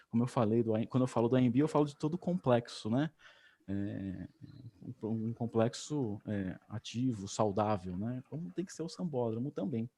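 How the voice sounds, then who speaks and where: A man's voice: mid-range voice, a little mellow. A man, an official giving hesitant remarks full of fillers at a public hearing over a video call. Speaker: tourism agency official.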